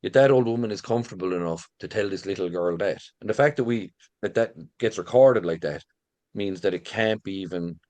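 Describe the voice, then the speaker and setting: A man's voice: fairly low pitch, a little fast, a little mellow, dry recording. A middle-aged Irish man telling local folklore informally in an interview, with a lilting, conversational storyteller's manner. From rural Ireland. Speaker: visitor centre manager and local folklore storyteller.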